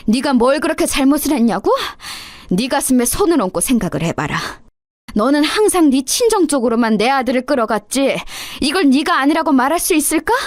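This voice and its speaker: A stern, indignant older mother-in-law, voiced by a woman scolds in a high, lively voice. She lays out grievances in an accusing tone. The recording is dry and close. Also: no room sound.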